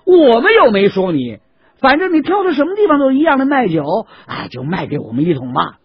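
A man's voice: very high-pitched, huge pitch swings, fairly quick, breathy edge, dry recording, voice pushed up, exaggerated voice. A man voicing a group of sly, friendly male date traders who coax and wheedle, on a dull, dry lo-fi recording. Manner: coaxing, wheedling.

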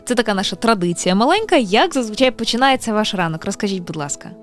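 A woman co-hosting a morning radio show, asking the guest questions in a brisk, chatty way. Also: mid-range voice, sing-song, faint music behind. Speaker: radio co-host.

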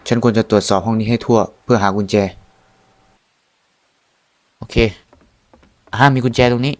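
A man's voice: mid-range voice, steady tone, normal speed, darkish tone. A young man casually commenting while playing a horror game, jumpy and exclaiming often. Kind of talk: casual let's-play commentary.

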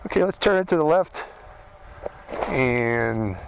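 Out in a windy desert canyon, a middle-aged drone reviewer and channel host with a Pittsburgh accent talks through a product step by step, chatty and hands-on. His voice is medium-pitched, animated and creaky, with a slow pace. A body-worn hat camera records it as noisy outdoor action-camera audio.

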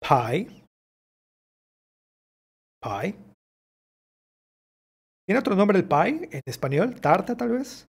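A man with a Mexican Spanish accent, an English teacher giving a vocabulary lesson and repeating each English word slowly to model its pronunciation. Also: high-pitched, very animated, creaky, husky.

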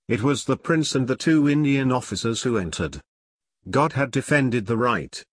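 A man narrating a classic story in a measured, even reading style. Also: mid-range voice, slightly rough, dry recording. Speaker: audiobook narrator. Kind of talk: scripted narration.

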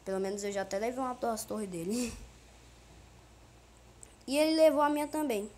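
A young woman with a Brazilian accent talks over her own game as she plays. Her voice sits high, and she loops words over and over in a sing-song, joking way. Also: normal speed, darkish tone. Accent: Brazilian Portuguese. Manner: playful, sing-song repeating of words, laughing. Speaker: gaming youtuber. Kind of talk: casual gameplay commentary.

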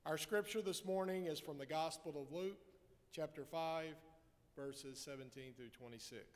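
A middle-aged man leading a prayer and reading scripture from a lectern in a large church, in a measured, formal way. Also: fairly high pitch. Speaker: pastor. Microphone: lectern microphone. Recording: long reverb of a church hall.

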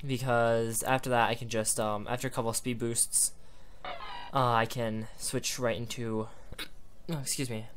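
A man's voice: mid-range voice, level tone, normal speed, fairly bright tone, slight background noise. A man doing live commentary on an online game battle, thinking aloud in a rambling way and hiccuping now and then. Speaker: gaming YouTuber.

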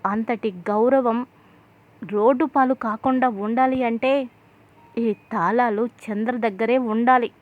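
A woman voicing a stern older father who scolds his son loudly and commands the household. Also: on the high side, fairly even intonation, unhurried, natural voice. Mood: scolding. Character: stern older father, domineering head of family. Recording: tinny phone-like audio.

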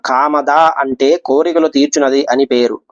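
A male religious storyteller giving an expressive devotional discourse and speaking directly to his listeners, in a dull lo-fi recording. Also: mid-range voice, unhurried.

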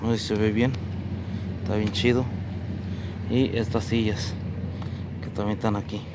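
This vlogger, a man, chats with viewers ("mi gente," he keeps calling them) as he sifts through trash set out at the curb on a residential street. His lowish voice moves little in pitch at a moderate pace, recorded on a chest-mounted action camera with loud street noise.

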